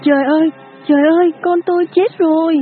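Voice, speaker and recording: A woman's voice: high voice, steady tone, moderate pace, pitched above the performer's own voice, natural voice. A woman voicing a distraught peasant mother who sobs and asks frantic questions in a storybook reading. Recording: tinny lo-fi with music behind.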